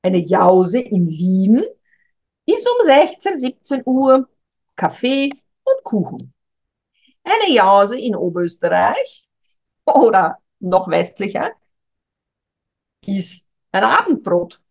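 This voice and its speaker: Speaking to the listener as a communication coach, this middle-aged woman offers reflective advice, thoughtful and somewhat hesitant. Her medium-pitched voice is sing-song and a little mellow, she takes her time with long pauses, and the audio is dull and lo-fi.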